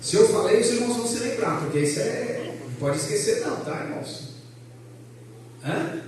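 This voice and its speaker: Loud animated pastor teaching a class. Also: male voice, sits high, moderate pace, slight background noise. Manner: loud, animated, jokes with the class and asks them questions. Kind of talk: lively church class lecture. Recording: echoey room, voice from a distance.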